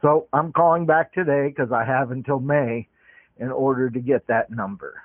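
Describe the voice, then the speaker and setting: A man's voice: mid-range voice, moderate pace, dry recording. Brief: man talking over the phone, polite and methodical, thin dry phone-line sound. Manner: polite, methodical, explains at length. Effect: heard over a phone line. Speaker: caller. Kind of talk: phone call. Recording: tinny dry phone call recording.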